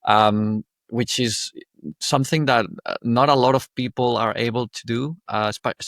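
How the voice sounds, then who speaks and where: Male podcast host, Spanish accent, low gravelly voice, dry close sound. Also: steady tone, a bit bright, dry recording. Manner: halting, many restarts, friendly. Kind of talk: casual interview talk.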